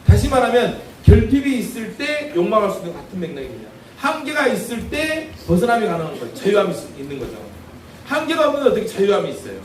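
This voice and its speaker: A man's voice: high voice, big pitch swings, fast, a little mellow. A man giving a parenting lecture, telling humorous stories and acting out voices. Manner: humorous storytelling with acted voices. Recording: echoey room from far off, faint noise.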